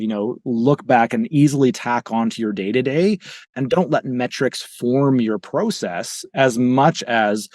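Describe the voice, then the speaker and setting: A man speaking as a startup CEO on a podcast, talking in a quick, loose way full of restarts. His voice sits in an ordinary middle pitch. The close, dry recording has no room sound. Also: a little mellow, no room sound. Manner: fast, loose, full of restarts and fillers like "you know". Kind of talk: casual podcast conversation.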